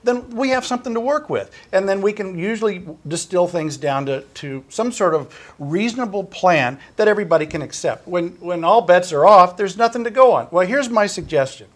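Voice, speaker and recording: A man speaking as a wild horse advocate in an on-air discussion, animated and urgent, often repeating phrases and restarting. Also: sits high, fairly quick, hardly any pauses.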